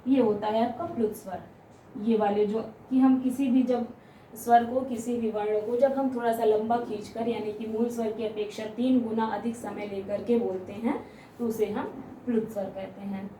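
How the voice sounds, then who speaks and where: A woman teaching grammar, explaining step by step, asking questions and answering them herself, and stretching out example sounds slowly. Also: a little high, fairly even intonation, dark tone, slight background noise. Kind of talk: classroom explanation. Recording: echoey room, voice from a distance.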